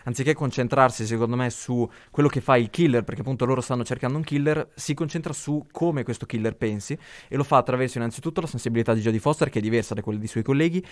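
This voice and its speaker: A man's voice: mid-range voice, fast, hardly any pauses, dry recording. A man co-hosting a podcast, chatting casually about films in a hesitant way. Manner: hesitant, restarts phrases. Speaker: podcast co-host. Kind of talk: casual film chat.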